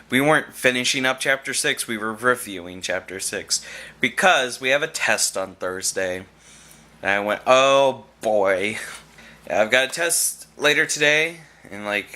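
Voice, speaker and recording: A man's voice: mid-range voice, sharp tone. A young man chatting casually in a rambling vlog, chewing gum as he talks and often restarting his sentences. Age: young adult. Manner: rambling, full of fillers and restarts; chewing gum while talking. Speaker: vlogger.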